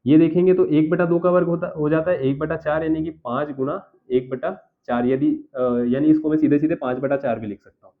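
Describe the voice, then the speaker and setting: A man's voice: a little high, fairly even intonation, fairly quick, few pauses. A man teaching a school math lesson, working through each step aloud and often checking in with the class. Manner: talks himself through each step, keeps checking "theek hai sir". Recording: tinny phone-like audio.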